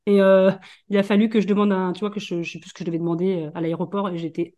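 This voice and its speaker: A woman hosts a casual podcast interview at a brisk clip. She is chatty and encouraging and often jumps in with short remarks. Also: medium pitch, little pitch movement, dark tone, highs cut off. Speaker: podcast host.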